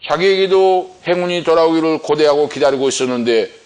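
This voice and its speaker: A man's voice: a little fast, smooth. A middle-aged man pastor preaching a sermon, retelling a story with dramatic swings of voice as he acts out the cries. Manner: dramatic storytelling, acting out cries and quotes with swings in pitch and loudness.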